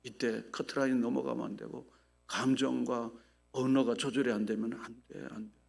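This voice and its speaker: A male pastor preaching a sermon in an animated way, acting out people's cries in a changing voice. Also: medium pitch, normal speed, creaky.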